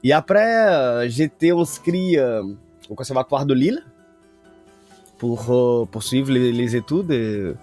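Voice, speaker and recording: A man's voice: medium pitch, expressive, takes it slowly, a little mellow. Hesitant Brazilian-born man, faint music. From northern Brazil. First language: Portuguese. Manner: hesitant, many fillers and restarts. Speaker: guest musician. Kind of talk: radio interview.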